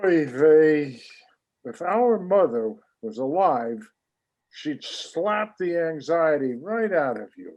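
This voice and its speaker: A man's voice: a little high, very animated, slow, darkish tone, muffled recording, heavily acted. A man playing a grumpy old watch repairman. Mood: sarcastic. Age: older. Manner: grumbling, sarcastic, exasperated. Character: grumpy aging male watch repairman, weary. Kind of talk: script reading.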